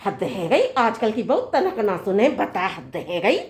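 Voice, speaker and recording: A woman playing a nagging older mother-in-law who scolds in a shrill, sarcastic shout, in a comedy sketch. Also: big pitch swings, measured pace. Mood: scolding.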